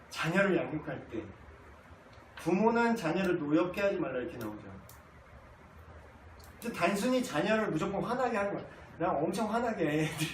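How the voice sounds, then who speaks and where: Man, 30s, blunt joking Bible teacher; high animated delivery, distant roomy mic. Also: slight background noise. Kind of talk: casual Bible class lecture. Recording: echoey room, distant mic, faint ambience.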